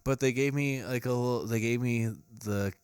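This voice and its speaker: A man's voice: medium pitch, moderate pace, clear, resonant tone, no room sound. A young man from Michigan telling a long story on a casual podcast, full of fillers and restarts. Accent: Upper Midwest American. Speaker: podcast co-host. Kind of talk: casual chat.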